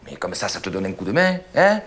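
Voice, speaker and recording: An actor playing a loud, swaggering middle-aged boss of workmen, with a Marseille accent and a coaxing, slangy way of talking. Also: male voice, deep voice, big pitch swings, fast talker, a little hiss or hum. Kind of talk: film acting.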